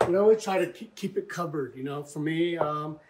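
An older man from the Navajo Nation, working as a chef in a cooking demonstration in a home kitchen, speaking in relaxed, halting bits. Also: a little high, a little hiss or hum. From Navajo Nation, Arizona.

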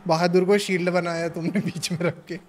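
A man streaming a role-play game session, chatting and arguing in character, cursing freely and breaking into excited shouts. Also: sits high, brisk, slight background noise. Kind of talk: casual in-character game chat.

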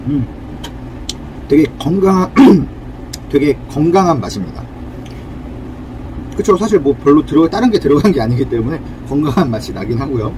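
At a cafe counter, a man with a fairly high, very lively voice talks to a camera set on the counter, politely explaining each step of a drink recipe in a casual cooking demonstration. He speaks at a moderate pace with frequent pauses, friendly and explanatory, using polite speech, while traffic noise comes through clearly behind him.

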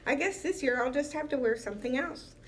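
A woman voicing a jolly, fussy old Santa Claus in a storybook read-aloud, in a light, gently playful voice. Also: sits high, a little fast, a little hiss or hum, lightly acted. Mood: fretting.

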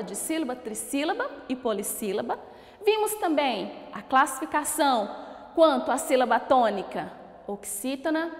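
A Brazilian woman teaching young pupils, her high voice rising and falling a lot as she asks questions and praises answers. She talks slowly, drawing out each syllable of a word. The recording sits in a room with a long, roomy reverb. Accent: Brazilian Portuguese. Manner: slow, drawn-out syllable-by-syllable word pronunciation. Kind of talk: recorded school lesson for children.

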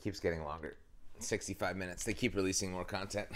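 A man's voice: sits low, steady tone, quick pace. A man joking around while chatting on a game stream. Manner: joking, playful. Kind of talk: casual chat on a game stream.

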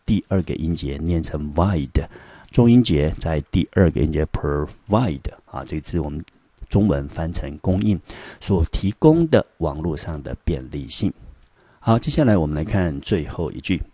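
Low husky Taiwanese male teacher. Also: sing-song, dark tone, dry recording. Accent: Taiwanese Mandarin. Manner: frequent fillers "好" and "呢", rising pitch on prompts, slow syllable-by-syllable spelling. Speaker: high school English teacher. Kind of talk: recorded classroom lesson explaining vocabulary and grammar.

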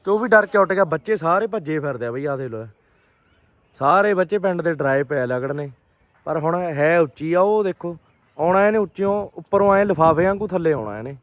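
A man giving casual, animated vlog commentary, often repeating short phrases. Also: on the high side, a little fast, no echo. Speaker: pigeon keeper and vlogger.

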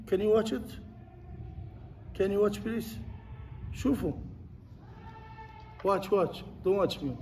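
A man's voice: sits high, extremely slow, pauses often, darkish tone. A man teaching a class on Quran recitation, repeating points and putting questions to his students. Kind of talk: classroom lesson. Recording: distant mic with faint noise.

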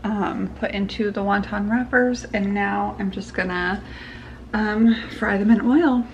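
A woman in her thirties chatting casually to a handheld camera at home, relaxed and rambling with fillers. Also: mid-range voice, unhurried, dull audio, a little hiss or hum. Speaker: vlogger. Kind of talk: casual vlog chat. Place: home kitchen and living room. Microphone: handheld camera at arm's length.

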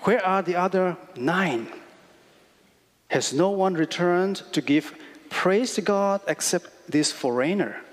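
A man in his thirties preaching a sermon in a church on a headset mic, earnest and slow, with many pauses and fillers and non-native English phrasing. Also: high voice, lively intonation. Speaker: guest preacher. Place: church sanctuary, indoors. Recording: reverberant church hall.

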